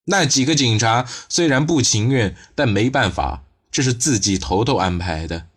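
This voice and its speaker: A man reads a crime novel aloud at a steady pace. His pitch sits in an ordinary middle register. The delivery is even and unhurried. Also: husky. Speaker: audiobook narrator. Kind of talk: scripted narration.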